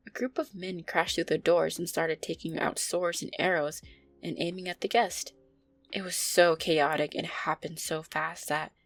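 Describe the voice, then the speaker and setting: Playing a centuries-old vampire girlfriend who is affectionate and easily flustered, this woman speaks with a lowish voice and vocal fry. Her talk to the listener in this audio roleplay is intimate and hesitant.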